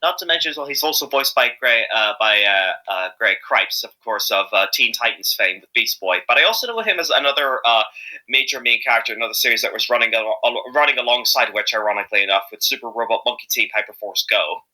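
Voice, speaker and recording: A man with a mid-range, expressive voice and a sharp tone chats casually as an amateur voice actor in an interview. His talk is jokey, halting and rambling, and the audio quality is poor.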